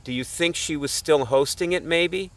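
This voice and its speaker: Speaking at normal speed in a slightly high, fairly bright voice with no echo, a middle-aged man rambles through a story during a casual lecture. He chuckles a lot and keeps restarting and using fillers; he runs a nonprofit that teaches alternative healing.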